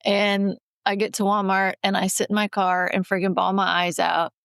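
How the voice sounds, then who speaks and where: A woman's voice: mid-range voice, flat delivery, normal speed, creaky, a bit bright, clear, resonant tone, no echo, clean studio sound. A middle-aged woman co-hosting a podcast, telling personal stories in candid, emotional casual chat. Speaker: podcast co-host.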